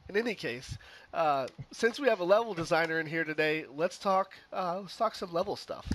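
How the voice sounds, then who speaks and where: A fairly high-voiced man getting over a cold hosts a relaxed podcast. He jokes easily and keeps the talk loose, full of fillers. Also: brisk, slight background noise. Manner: easygoing and joking, many fillers. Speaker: podcast host.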